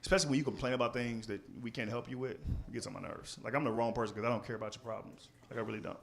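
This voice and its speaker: A man's voice: medium pitch, steady tone, rapid-fire, vocal fry, a little hiss or hum. A man doing stand-up in a blunt, dry, mean-spirited way on a comedy club stage. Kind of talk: stand-up set. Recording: echoey club with loud crowd laughter.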